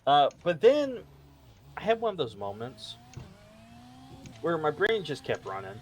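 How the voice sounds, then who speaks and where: A man's voice: on the high side, huge pitch swings, a little slow, husky. Rambling man reading his notes. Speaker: podcast co-host. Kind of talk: casual chat.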